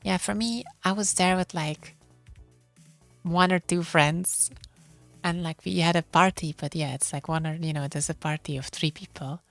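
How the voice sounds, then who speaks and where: A woman's voice: fairly low pitch, moderate pace, vocal fry, a bit bright. A woman who is a non-native English speaker, chatting casually as a streamer, telling stories with playful asides. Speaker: streamer co-hosting a podcast. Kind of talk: casual chat about online games. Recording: music behind the voice. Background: music.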